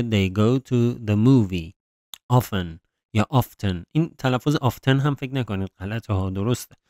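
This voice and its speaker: Low-voiced man teaching English slowly. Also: darkish tone, no echo, clean studio sound. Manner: explains step by step, reads English sentences slowly and clearly. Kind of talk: workbook lesson walkthrough.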